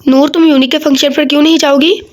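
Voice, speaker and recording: A caring older brother who speaks gently and affectionately, read by a woman narrator in her own high voice. He sounds calm and kind in this audio novel. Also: fast, close to an everyday voice. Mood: gentle.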